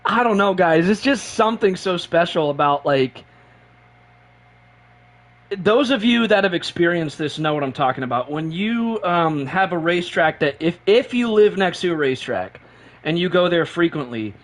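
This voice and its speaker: A man live-streaming a racing game, chatting excitedly and rambling, repeating himself, short on sleep and running on caffeine. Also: sits high, moderate pace.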